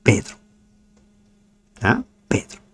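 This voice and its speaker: A man giving a devotional Bible commentary, asking his listeners rhetorical questions and dropping to soft, nearly whispered pleas. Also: drawn-out words, no echo. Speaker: Bible teacher.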